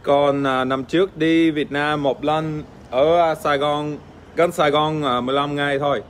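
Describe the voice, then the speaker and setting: An Australian man, native English speaker, joking crudely with fans in casual livestream chat, halting with fillers and swearing playfully. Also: fairly high pitch, fairly even intonation, slight background noise. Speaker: livestream host. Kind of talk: casual livestream chat reading fan comments.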